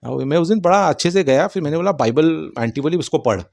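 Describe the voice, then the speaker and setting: A man giving a personal testimony in an animated way, acting out the dialogue. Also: fairly high pitch, racing, vocal fry. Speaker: testimony speaker.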